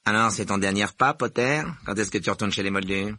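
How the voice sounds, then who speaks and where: A man's voice: fairly low pitch, fast, sharp tone, no echo. A man voicing a sneering schoolboy bully who taunts.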